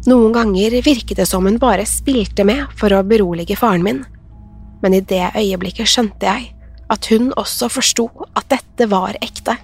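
A woman narrating a horror story in a measured, suspenseful way. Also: mid-range voice, a little mellow, breathy edge.

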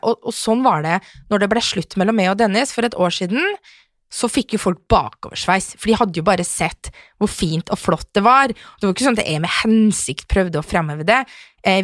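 Animated chatty woman co-host. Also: no echo, studio quality. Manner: animated, acts out quarrels in a shrill voice. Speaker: podcast co-host. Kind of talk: casual chat.

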